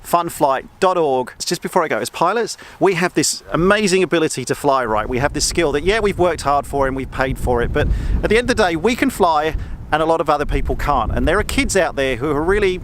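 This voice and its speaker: Quick, slightly high-voiced male pilot, chatty and earnest, outdoors with faint background noise. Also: expressive, a bit bright. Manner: chatty, earnest, jokey asides. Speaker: pilot and host. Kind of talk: casual vlog talk to camera. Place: outdoors at an airfield.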